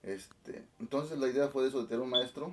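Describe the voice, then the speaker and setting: A man in his twenties from Oaxaca with a Mexican Spanish accent, chatting relaxed and laughing in an interview about his music. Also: medium pitch, brisk, far from the mic, background noise. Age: 20s. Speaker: guest musician, band director. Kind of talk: casual interview chat.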